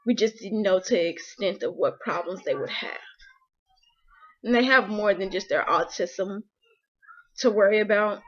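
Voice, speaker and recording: Emotional young mom vlogging, lo-fi sound. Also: female voice, medium pitch, normal speed, long pauses, fairly bright tone. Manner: emotional, heartfelt, frequent "like" fillers. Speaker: vlogger, mother. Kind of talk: casual personal talk to camera.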